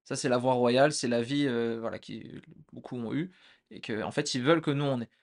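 A young man co-hosting a casual chat podcast, relaxed and hesitant, with many fillers. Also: mid-range voice, fairly quick. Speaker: podcast co-host.

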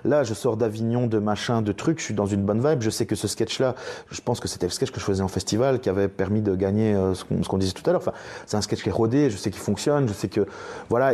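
A man's voice: fairly low pitch, mellow. A young man, a stand-up comedian, telling a story in a casual podcast chat and acting out other people's lines as he goes.

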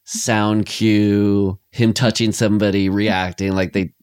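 A man's voice: fairly low pitch, little pitch movement, takes it slowly, a little mellow, clean tone, dry recording, studio quality. A man co-hosting a podcast, chatting casually and jokily about a film, rambling and trailing off into fillers. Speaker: podcast co-host.

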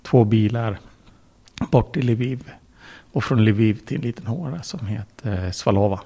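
A man speaks as a podcast guest, his voice low and dark with a gravelly, husky edge. He tells his story bluntly, swears and acts out what others said. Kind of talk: casual storytelling.

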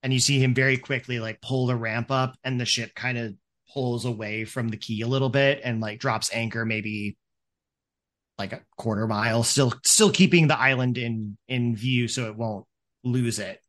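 A man's voice: medium pitch, fairly even intonation, moderate pace, a bit bright. A man running a tabletop game as game master, narrating in a rambling way, full of "like" and "um". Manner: rambling, many "like" and "um" fillers.

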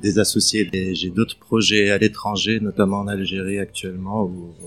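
Man, 30s, from Palestine, interview guest, low-pitched, halting with fillers. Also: level tone, fairly bright tone. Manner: hesitant, many fillers and restarts. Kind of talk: casual interview testimony.

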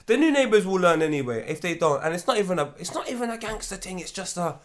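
Male co-host, high-pitched, very lively, casual, acts out quotes. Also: fast talker. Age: adult with children. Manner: expressive, acts out quoted speech. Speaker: podcast co-host. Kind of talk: casual chat.

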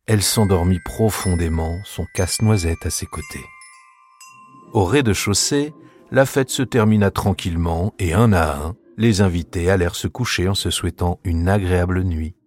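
A man reading a storybook in calm, measured, scripted narration. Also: sits low.

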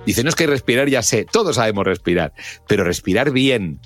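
A man's voice: on the low side, a little fast, soft background music. A middle-aged man from with a radio broadcaster's voice, explaining speaking skills in an interview and acting out the lines he quotes. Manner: expressive, acts out shouts and quoted lines. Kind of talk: podcast interview, animated explaining.

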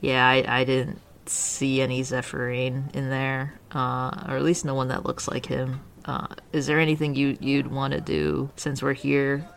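A player voicing a timid deadpan adventurer. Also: mid-range voice, measured pace, gravelly, hardly any pauses, slight background noise. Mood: quiet, sighing. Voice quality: deadpan, quiet. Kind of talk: voicing a character in a tabletop game.

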